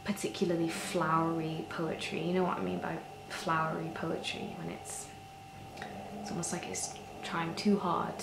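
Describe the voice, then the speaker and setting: A woman in a soft-spoken ASMR whispered role-play as a librarian, talking in a hushed, gentle, hesitant way that nears a library whisper. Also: low-pitched, level tone, normal speed. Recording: roomy echo with clear background noise.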